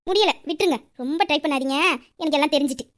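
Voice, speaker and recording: Brief: a woman voicing a high, fast-talking teasing girlfriend for a romantic audio drama, playful and coaxing. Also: close to an everyday voice. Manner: coaxing, teasing, quick banter.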